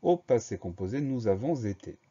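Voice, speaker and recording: A man's voice: medium pitch, animated, normal speed, dark tone, husky, dull audio. A male teacher giving a spelling lesson for schoolchildren, patiently spelling each word out letter by letter.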